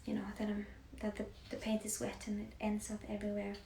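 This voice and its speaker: Soft, whispery Norwegian woman, gravelly edge. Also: mid-range voice, completely flat delivery, quick pace. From Norway. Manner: soft-spoken, often drifting into near-whispers. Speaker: musician live-streaming to fans. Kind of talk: casual livestream chat while painting. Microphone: phone. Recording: echoey room with faint background hiss.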